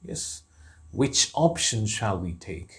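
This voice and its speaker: A middle-aged man with a Malayali accent teaching an English grammar lesson, repeating key phrases slowly and explaining in Malayalam too. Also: on the low side, lively intonation. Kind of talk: recorded online grammar lesson.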